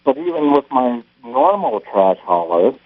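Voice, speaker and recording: A male caller on a muffled, tinny phone line that sounds like he is talking from inside a tin can. He speaks in halting bursts and restarts his sentences. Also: medium pitch, sing-song, no echo. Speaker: radio call-in caller. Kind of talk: casual call-in chat.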